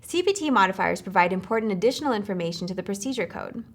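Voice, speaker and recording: A woman reading scripted educational narration for a course, measured and clear, slowing down to spell out acronyms. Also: medium pitch, lively intonation.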